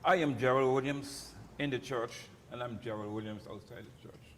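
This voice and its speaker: A male pastor talks about himself in a Crucian accent from the Virgin Islands. His manner is plain and informal, at an ordinary pitch, in a reverberant hall with some noise behind him. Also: moderate pace, fairly bright tone. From St. Croix, Virgin Islands. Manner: down-to-earth, informal. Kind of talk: candid personal talk.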